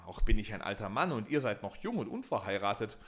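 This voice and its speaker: A man's voice: lowish voice, big pitch swings, quick pace, fairly bright tone. A man voicing an old grand vizier in a fairy tale audiobook, speaking indignantly. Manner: indignant, grumbling.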